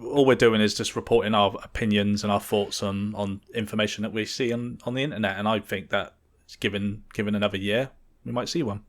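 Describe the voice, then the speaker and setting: A man co-hosting a gaming podcast in casual chat, giving measured opinions mixed with cocky joking banter. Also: on the low side, steady tone. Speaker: podcast co-host.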